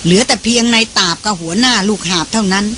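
A reader narrating an adventure novel for an audiobook in a steady storytelling manner. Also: medium pitch, fast, a little hiss or hum.

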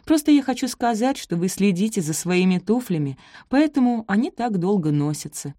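A woman's voice: medium pitch, lively intonation, normal speed, mellow, no echo, clean studio sound, voice pushed up, close to an everyday voice. A woman doing a meek, timid young servant. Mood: placating. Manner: meek, placating, stammering.

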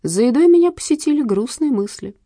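A woman reading an audiobook in a lively, wry storytelling manner. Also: sits high, fairly quick, no room sound, clean studio sound. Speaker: narrator. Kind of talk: audiobook narration.

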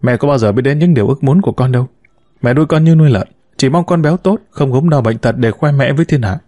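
A man's voice: mid-range voice, fast, dark tone, no echo, clean studio sound, close to an everyday voice. A man voicing an earnest, stubborn young adult son who argues firmly with his mother in an audiobook story. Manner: earnest, pleading yet firm.

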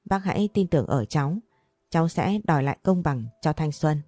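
A woman voicing a respectful, earnest young man who speaks politely and pleads calmly. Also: sits low, brisk, dry recording. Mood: pleading.

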